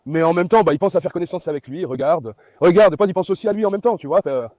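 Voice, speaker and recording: A man's voice: high-pitched, fast talker, warm tone, no echo, clean studio sound. A man vlogging on his farm, chatting to viewers and calling and coaxing his dogs. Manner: coaxing, calls to the dogs while talking to viewers. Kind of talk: casual vlog commentary.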